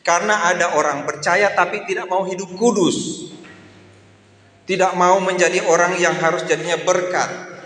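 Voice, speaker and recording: A man's voice: high voice, normal speed, slight background noise. Man preaching in an echoey hall. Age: 50s. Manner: lively preaching, acts out voices in asides. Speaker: pastor. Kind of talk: sermon. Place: church hall. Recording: echoey hall with faint ambience.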